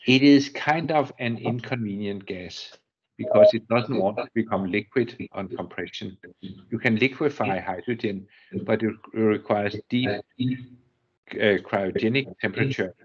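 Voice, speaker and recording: Older Danish man lecturing, husky and low. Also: lo-fi sound. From Denmark. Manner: measured, halting, with frequent restarts and repeated words. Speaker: guest lecturer. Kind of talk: technical lecture. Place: university lecture room.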